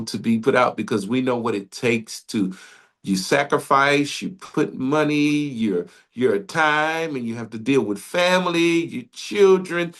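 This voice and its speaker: A radio host from Detroit, Michigan, chats casually with his guest at an ordinary middle pitch. His enthusiastic, meandering manner is punctuated by frequent laughter.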